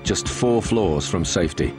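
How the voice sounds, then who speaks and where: A very deep male voice narrates a documentary in measured, grave tones. Clear music plays underneath him throughout. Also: animated. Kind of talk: scripted narration.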